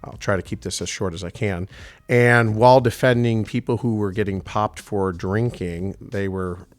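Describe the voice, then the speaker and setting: A man's voice: fairly low pitch, steady tone, moderate pace, no echo, clean studio sound. A middle-aged man from Houston with a faint Texan accent, a winemaker guest chatting casually and telling stories with plenty of fillers. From Houston, Texas. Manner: rambling, storytelling, many fillers. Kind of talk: casual interview chat.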